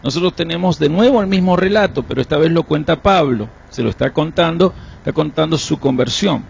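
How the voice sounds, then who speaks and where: A man leading a live-streamed Bible class, explaining texts and checking understanding with quick rhetorical questions. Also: fairly high pitch, lively intonation, slight background noise. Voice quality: gravelly, husky. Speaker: Bible teacher. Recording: dull lo-fi stream audio.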